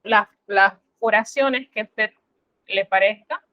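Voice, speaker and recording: Slow, patient woman teaching a class. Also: medium pitch, no echo, highs cut off. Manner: slow, patient, instructive, addresses students formally. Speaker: French teacher. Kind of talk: online class explanation.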